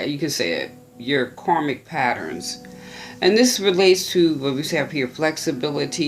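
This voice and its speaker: A tarot reader giving a gentle, unhurried birthday reading to viewers, musing aloud and restarting phrases. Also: medium pitch.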